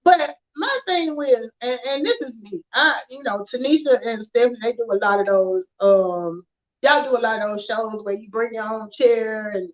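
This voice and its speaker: A woman, telling stories in an animated, casual chat with frequent laughter. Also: fairly high pitch, normal speed. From rural Alabama, USA. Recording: dull lo-fi sound.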